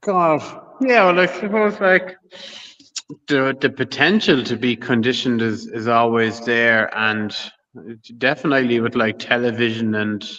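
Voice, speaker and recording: A man's voice: mid-range voice, fairly even intonation, a little slow, bright, forceful tone, lo-fi sound. A man talking casually as a guest on a live stream, rambling and often asking "you know what I mean". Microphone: video call.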